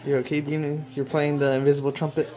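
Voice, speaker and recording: A man's voice: on the high side, monotone, fast talker, a crowd in the background. A young man chatting casually while filming his friends. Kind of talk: casual chat.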